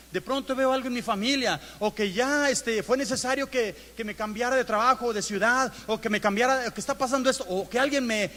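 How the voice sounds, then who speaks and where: A man's voice: very high voice, a bit bright. A Mexican man preaching a conversational sermon, asking his congregation questions and acting out everyday inner dialogue. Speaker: pastor. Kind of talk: interactive sermon. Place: church auditorium. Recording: long church hall reverb.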